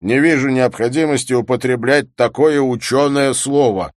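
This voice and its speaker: Man doing a sardonic provincial gentleman in a storybook reading: blunt, grumbling, mid-pitched, dry sound. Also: no echo, lightly acted. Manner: sarcastic, blunt, drawn-out grumbling. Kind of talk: audiobook character reading.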